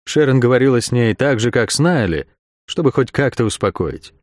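A male narrator reads dark fantasy in a measured, dramatic manner, pitched in the middle range. The recording is close and bone-dry, with no room around it. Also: lively intonation, no room sound. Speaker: audiobook narrator.

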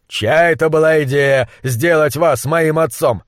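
A man's voice: a little high, measured pace, no echo, clean studio sound, close to an everyday voice. A man voicing a brilliant, bitter monster scientist who speaks with acid sarcasm. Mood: scornful. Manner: acid, sardonic.

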